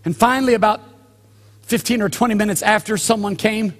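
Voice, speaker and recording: An older male pastor tells a story from the pulpit, pausing often and slowing down to land each point. His voice sits a little high for a man. The sound carries the long, lingering reverb of a church sanctuary. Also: fairly even intonation, fairly bright tone. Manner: storytelling, drawn-out pauses, slows down for emphasis. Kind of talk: sermon.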